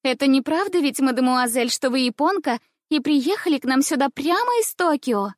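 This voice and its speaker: A high, shrill young schoolgirl who mocks and teases loudly, full of reckless mischief, as a woman reads her. The voice jumps far above the reader's usual tone and comes through close and dry. This is storybook narration, not a live scene. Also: animated, normal speed, dry recording. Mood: sly innocent. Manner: shrill, taunting. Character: mischievous daring young schoolgirl, loud and mocking.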